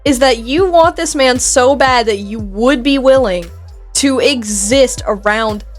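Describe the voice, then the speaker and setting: A woman's voice: fairly high pitch, unhurried, faint music behind. A young woman co-hosting a casual podcast chat, teasing and blunt, swearing freely. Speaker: co-host.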